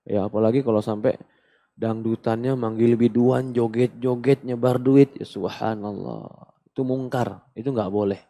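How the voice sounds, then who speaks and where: Gravelly, emphatic man preaching a sermon. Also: mid-range voice, normal speed. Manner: animated, rising to emphatic bursts then dropping to soft quoted asides. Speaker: Islamic preacher answering questions. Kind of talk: sermon, Q&A lecture.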